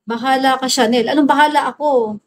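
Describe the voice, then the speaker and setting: A woman's voice: high-pitched, fairly even intonation, brisk. A woman from the Philippines chatting on a phone livestream, answering viewer comments bluntly, scolding hecklers and laughing often. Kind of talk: casual livestream chat reading viewer comments. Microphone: phone livestream mic.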